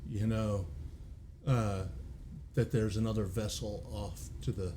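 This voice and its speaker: Slow, mellow-voiced male game master. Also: fairly low pitch, fairly even intonation, slight background noise. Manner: slow, hesitant, many fillers. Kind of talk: narrating a tabletop game.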